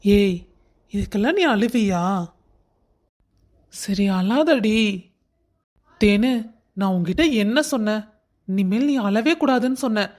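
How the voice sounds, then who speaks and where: A woman voicing a caring young husband in a cartoon story who teases gently and reassures his wife. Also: mid-range voice, animated, takes it slowly, pauses often. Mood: reassuring. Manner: warmly teasing, reassuring. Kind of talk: Tamil cartoon voice acting.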